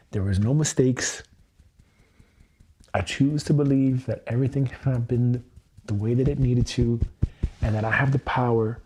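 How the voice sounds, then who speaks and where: This EFT tapping livestreamer, a man in his thirties, has a warm, medium-pitched voice with a breathy edge. His talk consists of earnest, repetitive affirmations peppered with frequent curses.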